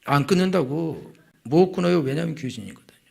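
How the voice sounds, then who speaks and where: A middle-aged male pastor preaching a sermon, telling stories with lively, acted-out outbursts. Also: on the high side, fairly quick, creaky, breathy edge. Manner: animated storytelling, acting out angry prayers. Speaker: senior pastor.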